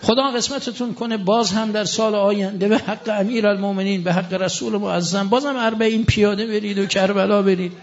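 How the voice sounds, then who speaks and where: A man's voice: high voice, steady tone, few pauses. A middle-aged man preaching a sermon with mounting passion and weighty recitation. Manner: impassioned, rising to fervent emphasis, recites scripture in Arabic. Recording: dull lo-fi recording.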